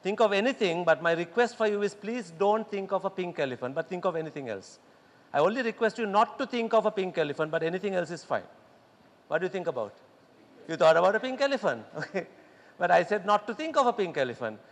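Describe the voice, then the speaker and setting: A man giving a lively workshop talk to doctors, acting out quotes and laughing often. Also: high voice, fast talker. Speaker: speaker at a medical congress workshop. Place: lecture hall. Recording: echoey hall with long reverb.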